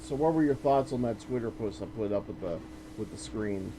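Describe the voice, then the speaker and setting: A man's voice: on the low side, expressive, a little fast. Wry joking male streamer, noisy audio. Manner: wry, joking, trailing off with restarts. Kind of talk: casual chat while gaming.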